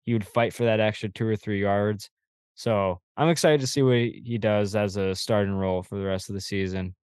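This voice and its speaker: A young man chats casually on a sports podcast, rambling, excitable and loose with his swearing. His voice sits low and comes across smooth and clear, recorded close and dry with no room sound. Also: brisk, no echo. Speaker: podcast co-host.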